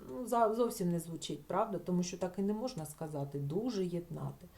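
A woman teacher explaining a grammar lesson, patient and slowing down to sound out each example word. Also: fairly low pitch, lively intonation, warm tone.

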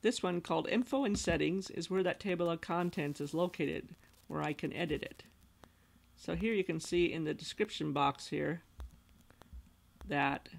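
Gravelly-voiced woman narrating a tutorial. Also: fairly low pitch. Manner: patient step-by-step explaining. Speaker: instructional designer. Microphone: voice-over recorded over screen capture.

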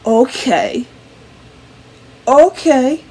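A young woman vlogger gushing excitedly as she reacts to a music video in a small bedroom, with the song playing behind her voice. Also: high-pitched, drawn-out words, a little hiss or hum. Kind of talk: casual reaction commentary. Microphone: webcam at close range.

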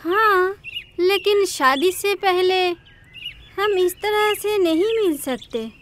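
A woman voicing Shanti, a gentle young wife, in a cartoon story, speaking softly. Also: extremely high pitch, expressive, slow pace, slight background noise, heavily acted. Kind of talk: cartoon voice acting. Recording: music bed under dialogue.

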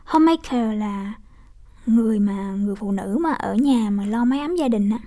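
A woman's voice: mid-range voice, lively intonation, moderate pace, warm tone. A young woman teacher with a Vietnamese accent working through English exam questions, explaining step by step with frequent tag questions. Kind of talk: exam walkthrough lesson.

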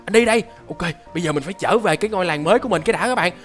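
A young man narrating his gameplay excitedly, repeating words and reacting nervously. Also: sits high, rapid-fire, faint music behind. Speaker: gaming YouTuber.

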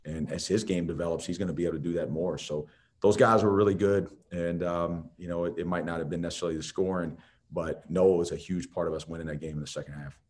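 A man with a very deep voice speaks as head coach at a post-game press conference. He talks in loose, conversational runs, restarting phrases and leaning on "you know.". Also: steady tone, fast, a little mellow.

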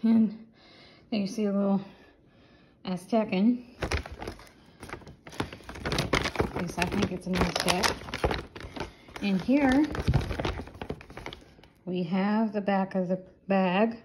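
A woman's voice: medium pitch, very slow, long pauses, noisy background. A woman talks through a product in a loose, chatty show-and-tell, a little short of breath. She rambles, trips over words and goes back to fix them. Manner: rambling, stumbles and corrects herself. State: slightly out of breath. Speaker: product reviewer.

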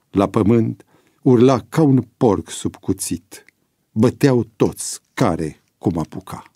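Low husky man reading a novel aloud. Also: mellow, no room sound, clean studio sound. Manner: measured, dramatic narration. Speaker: narrator.

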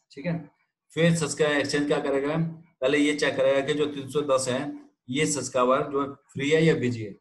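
A man lecturing a class in a question-and-answer rhythm, posing a question and supplying the answer himself. His voice sits at an ordinary middle pitch for a man. He repeats key terms and keeps checking that the students follow. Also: poor audio. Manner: checks in with frequent "theek hai?". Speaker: telecom instructor.

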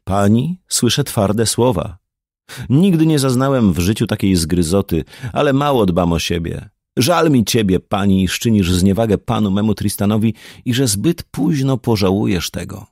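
A faithful, grieving servant kneels and speaks slowly and humbly in a low voice, as the narrator voices him. The reading is dry and close. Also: male voice, animated, a little mellow, no room sound. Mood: humble.

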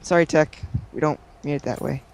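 A man's voice: on the high side, steady tone, fairly quick, noisy background. A young man chatting casually with friends as a player in a group gaming call.

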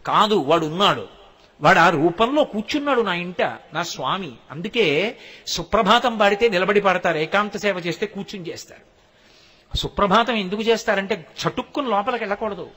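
A man with a Telugu accent giving a devotional discourse, telling stories with acted quotes and slow chanted verses. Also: high voice, animated, sharp tone, breathy edge. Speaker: spiritual discourse speaker.

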